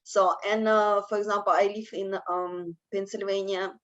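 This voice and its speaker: On a video call panel, an alum from Russia answers questions in a mid-range voice with little pitch movement. She hesitates often, relies on fillers and uses halting non-native phrasing, while the recording's highs are cut off.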